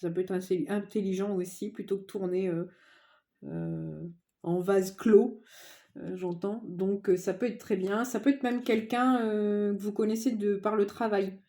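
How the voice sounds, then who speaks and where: A woman giving a casual tarot reading to viewers, chatty and informal, often pausing with fillers. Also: medium pitch, mellow. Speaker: tarot card reader.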